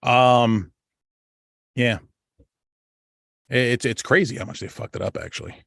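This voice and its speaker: A man's voice: mid-range voice, fairly even intonation, unhurried, creaky, a bit bright, no echo, studio quality. Blunt, swearing man telling stories. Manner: profane, blunt and joking. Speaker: show host. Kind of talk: casual storytelling monologue.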